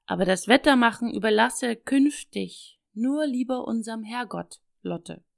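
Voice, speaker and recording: A woman's voice: mid-range voice, big pitch swings, a little slow. A woman voicing a father, a doctor who speaks firmly to his little daughter with a fond undertone. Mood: teasing. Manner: firm, then gently teasing. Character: father, a stern but loving doctor.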